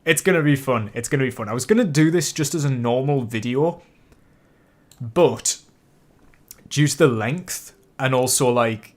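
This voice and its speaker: A YouTube host streams a casual live reaction, chatting and rambling with plenty of fillers and restarts. His mid-range voice moves at normal speed, and he coughs and sniffles as he gets over a cold.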